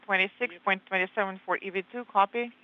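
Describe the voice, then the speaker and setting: A woman interpreting live space radio exchanges in short, halting, procedural communicator phrases. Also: medium pitch, fairly even intonation. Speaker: simultaneous interpreter. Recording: tinny, phone-like radio link.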